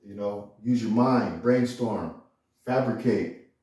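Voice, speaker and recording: A man in his garage quoting his father, a gruff, encouraging biker who pushes him with repeated commands. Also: lowish voice, slow, warm tone. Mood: urging. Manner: insistent, repetitive commands. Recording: echoey garage, far from mic.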